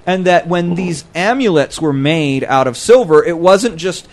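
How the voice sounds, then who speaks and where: A man's voice: fairly high pitch, lively intonation, unhurried. A man co-hosting a podcast, explaining scripture in a casual, scholarly way and thinking aloud as he goes. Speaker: podcast co-host discussing scripture.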